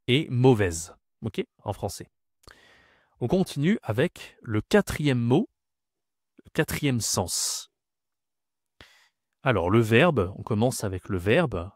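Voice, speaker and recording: A man teaching French vocabulary, speaking slowly and repeating each word, often checking in with short questions. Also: mid-range voice, no echo, studio quality. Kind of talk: vocabulary lesson to camera.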